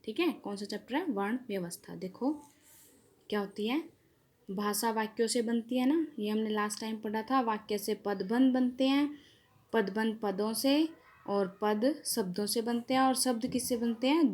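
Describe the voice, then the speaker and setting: Brief: woman schoolteacher, slightly high voice, lays out grammar step by step and answers her own questions. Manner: explains step by step, asks questions and answers them herself; draws out vowel sounds slowly and loudly when reciting them. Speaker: school teacher. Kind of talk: classroom grammar lesson.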